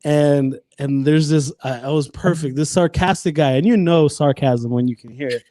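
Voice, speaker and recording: A man's voice: a little high, moderate pace, mellow, dry recording. A man in his twenties, a podcast guest in casual chat, rambling with many restarts and swearing freely. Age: 20s.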